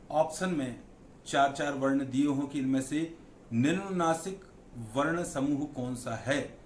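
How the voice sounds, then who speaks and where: A man teaching a lesson on Hindi vowels and signs, who repeats key terms and asks and answers his own questions. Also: a little high. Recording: echoey room with faint background noise.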